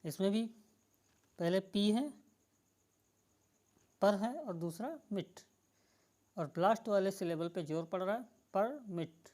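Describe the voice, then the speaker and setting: A woman, teaching spelling rules to exam students in a slow, explaining manner. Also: medium pitch, mellow. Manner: slow explanatory teaching, addresses viewers as friends. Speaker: English teacher.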